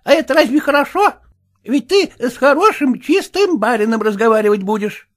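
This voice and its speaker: A hoarse, bossy maidservant barks orders and scolds, as a male reader puts her on. Her voice is rough and commanding, with lively pitch. A coarse storybook woman who brooks no refusal. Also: moderate pace. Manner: shouting, scolding. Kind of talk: audiobook character voice.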